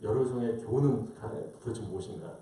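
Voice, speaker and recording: Preaching fast in a warm, mid-range voice, a pastor with a Korean-American accent poses rhetorical questions and performs quoted voices in a church sanctuary. A distant mic gives a roomy sound with slight background noise.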